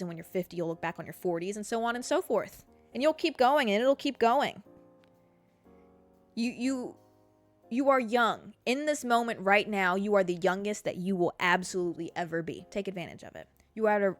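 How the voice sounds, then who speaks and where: A podcast host in her mid-twenties gives listeners a casual motivational monologue, a blunt pep talk full of profanity in which she calls them babe and girl. Her mid-range voice moves fairly quickly over soft background music.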